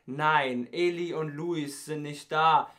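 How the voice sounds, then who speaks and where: A young YouTuber chats casually in a vlog, tired because he hasn't slept, stuttering and using heavy youth slang, with bits of rap parody thrown in. His voice is fairly high and a bit bright, with fairly even intonation, and he takes his time.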